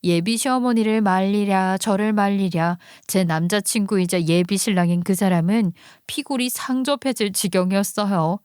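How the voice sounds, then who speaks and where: A woman narrating a first-person story for radio, turning to listeners with indignant asides. Her voice sits at a mid pitch for a woman, close and dry with little room. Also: normal speed, hardly any pauses, a little mellow, smooth, no room sound.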